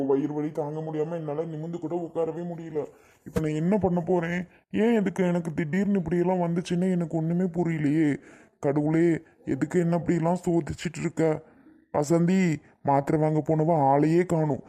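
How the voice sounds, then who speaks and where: A man's voice: fairly high pitch, flat delivery, normal speed, warm tone, lightly acted. A man doing a groaning sick husband. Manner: moaning, pleading. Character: groaning husband with stomach pain. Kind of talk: cartoon voice acting.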